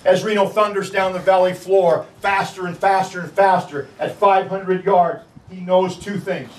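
A man's voice: sits high, steady tone, normal speed. A male park ranger telling a battle story vividly outdoors, acting out the people in it. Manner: vivid, acts out quotes. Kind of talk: dramatic historical storytelling. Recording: echoey, distant from mic, faint noise.

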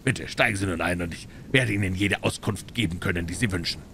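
A shrewd detective speaks calmly and kindly in a low, hushed voice, as a male audiobook reader plays him. He sounds measured and sure of himself throughout. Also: gravelly, slight background noise, full character voice. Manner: calm, friendly, measured.

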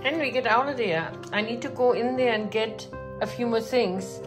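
Over music, a woman with a fairly high voice at a moderate pace talks to her dogs in doting baby talk, repeating her phrases. She's a pet owner narrating a home video in the hallway, filming on a handheld phone camera from behind it.

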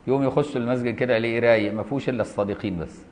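A middle-aged man with an Egyptian Arabic accent teaches a classroom jurisprudence lesson at a brisk clip. He reads a formal text aloud, then breaks into lively, colloquial explanation. He checks in with his students now and then with quick rhetorical questions. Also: medium pitch.

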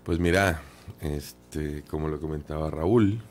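A man's voice: very deep voice, takes it slowly. A man, a dubbing studio director, speaking earnestly in a radio interview with many fillers. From Sonora, Mexico.

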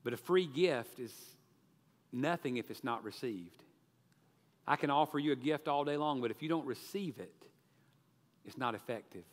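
A man's voice: medium pitch, animated, moderate pace, long pauses. Preaching man in a reverberant church. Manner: storytelling, dropping to soft pleading appeals. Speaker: pastor. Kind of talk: sermon. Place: church sanctuary.

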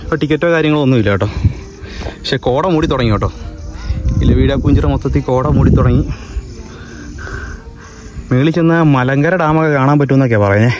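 A Kerala-accented man from Kerala, India narrates a relaxed travel vlog in Malayalam laced with English, speaking fast at medium pitch with long pauses. His tone is darkish, the highs are cut off, and faint music plays behind him. He's outdoors on a hill path, in a noisy handheld recording.

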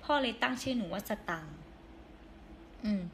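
A hoarse young woman chatting casually on a live stream, giggling and reading viewer comments aloud. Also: fairly high pitch, animated, moderate pace, a little hiss or hum.

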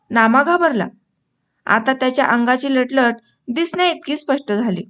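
This is a woman with a high voice reading a novel aloud as an audiobook. Her narration is steady and unhurried, and she lifts her voice for the characters' lines.

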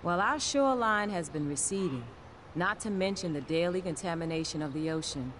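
A caring science teacher in a video game, explaining things in a measured, earnest way. Her voice sits low for a woman, and clear noise runs behind the game audio. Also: animated, fairly bright tone. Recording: game audio under a livestream, with background noise.

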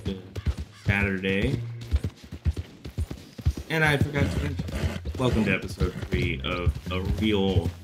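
A man's voice: low voice, measured pace, long pauses, over loud music. A man in his thirties giving casual gameplay commentary as a streamer, close on a headset mic in a small room. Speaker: game streamer. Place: small bedroom, indoors.

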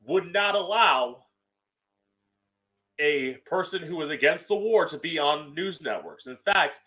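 Campy drag queen guy ranting his opinions on his show, kinda high bright punchy voice, close mic. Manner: opinionated, emphatic, swearing. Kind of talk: solo opinion monologue to camera. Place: small room at home, indoors. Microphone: close studio mic on boom arm with pop filter.

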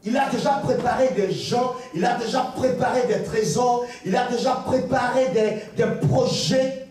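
A man preaching a fervent sermon as pastor, pausing in short phrases for his interpreter and rising to shouts. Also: very high voice, faint music behind. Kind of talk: sermon in French with live interpretation. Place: large church hall with stage. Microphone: handheld mic, filmed from far. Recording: very echoey church hall, distant mic.

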